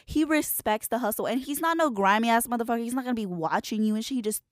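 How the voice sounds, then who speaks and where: Blunt, profane woman with a higher voice. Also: fast talker, no room sound, studio quality. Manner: blunt, profane, laughs easily. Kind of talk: casual storytelling chat.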